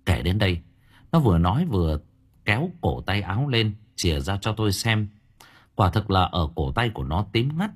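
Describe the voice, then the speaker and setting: A man's voice: fairly low pitch, slightly rough. A man narrating a horror story for an audiobook, telling it vividly and dramatically.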